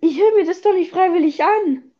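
A woman's voice: very high-pitched, fairly quick, lo-fi sound. A young woman hosting a casual podcast chat, teasing and exclaiming in slangy talk. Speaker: podcast host. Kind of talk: casual chat while gaming.

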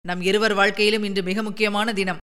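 A woman reading a story, voicing an eager, talkative young man who speaks in rapid, excited bursts. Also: medium pitch, clear, resonant tone, lightly acted. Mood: cheerful, eager.

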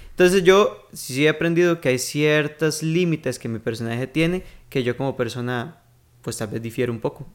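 A man with a Costa Rican accent, a podcast guest talking in a relaxed, reflective way with local slang. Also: a little high, moderate pace. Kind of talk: casual chat.

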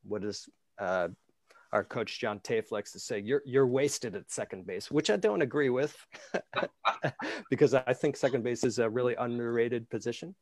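A man's voice: mid-range voice, animated, moderate pace, no room sound. Rambling New man telling stories. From New York, USA. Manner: rambling, anecdotal, hesitant with fillers. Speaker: amateur baseball pitcher, guest. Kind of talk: casual interview storytelling. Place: flat in Scotland.

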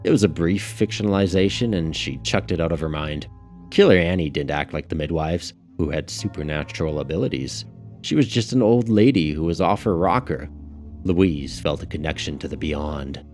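A man narrating a novel in an audiobook, in a steady, measured way. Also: rumbling low. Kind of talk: scripted narration. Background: faint music.

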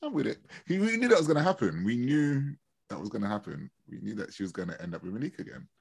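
A low-voiced man in a casual podcast chat. His intonation swings widely, and he repeats phrases for emphasis in informal slang. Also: big pitch swings, fast talker, gravelly, breathy edge. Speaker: podcast host.

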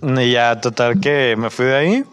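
A man's voice: medium pitch, moderate pace, smooth. A young man with a Mexican accent, casually telling a work story and acting out his coworkers' lines. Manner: animated, acts out coworkers' lines in raised voices; uses Mexican slang.

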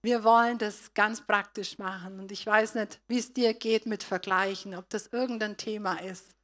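A woman giving a sermon, retelling a story and speaking straight to her listeners, her loudness swinging between soft and strong. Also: mid-range voice, fairly even intonation, moderate pace. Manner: retells a story with acted voices. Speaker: preacher.

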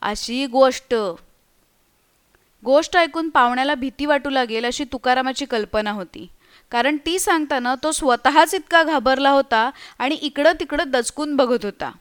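A woman narrating a story in a steady, expressive reading voice. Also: sits high, normal speed. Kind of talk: scripted narration.

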